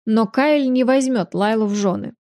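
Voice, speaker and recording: A woman's voice: fairly high pitch, moderate pace, warm tone, no echo, studio quality, close to an everyday voice. A woman voicing a composed, dignified middle-aged duke who speaks evenly and respectfully in an audiobook. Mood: calm.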